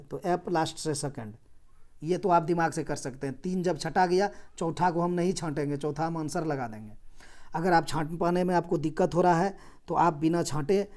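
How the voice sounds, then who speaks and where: Male coaching teacher, mellow dark tone, patient and repetitive, walks through each question step by step. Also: a little high. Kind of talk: reasoning lesson explained step by step.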